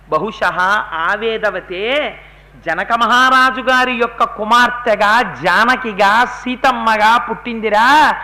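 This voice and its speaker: A man's voice: sits high, bright, forceful tone. A man giving voice to a proud, defiant demon king while telling a sacred story, in a boastful, commanding way.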